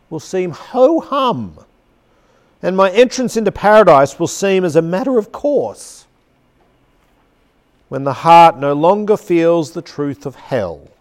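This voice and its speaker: A man with a slightly high voice leads a lesson on preaching. His pitch swings widely as he reads a passage aloud with dramatic emphasis. He draws out the key words slowly. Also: a little mellow. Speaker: preaching instructor. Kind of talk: teaching talk with a dramatic read-aloud. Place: seated at a chair.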